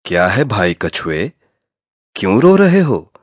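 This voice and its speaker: A man voicing a clever, wary male jackal in a school audio drama, his voice pitched high and nervous. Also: big pitch swings, slow pace, no echo, studio quality, heavily acted. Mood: sly.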